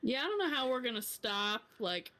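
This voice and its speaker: Woman co-host, chatty book-club talk, giggly and quick to laugh. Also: a little high, very animated, pushed and bright. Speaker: podcast co-host. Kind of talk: casual book-club chat.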